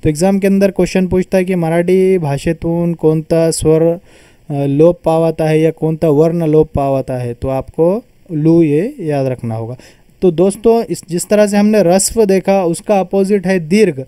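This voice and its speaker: Man, teacher, patient grammar lesson, sounds out terms, fairly high pitch, dry close sound. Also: a little slow, dark tone, smooth, dry recording. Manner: patient explaining, repeats terms and sounds them out.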